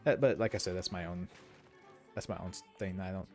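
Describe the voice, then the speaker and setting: A man's voice: sits low, steady tone, fairly quick, darkish tone, faint music behind. Rambling opinionated male gaming streamer. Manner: rambling, opinionated, wandering asides. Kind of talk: casual gameplay commentary.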